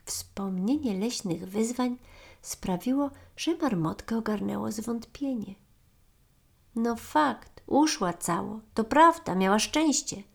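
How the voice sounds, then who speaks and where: Unhurried woman reading a children's story. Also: mid-range voice, a little mellow. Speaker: narrator.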